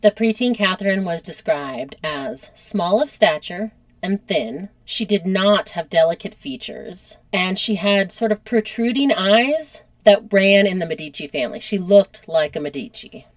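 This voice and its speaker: A woman's voice: mid-range voice, a little slow, hardly any pauses, no room sound. Casual female podcast host, conversational history storyteller, dry close mic. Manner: chatty, animated, uses lots of "like".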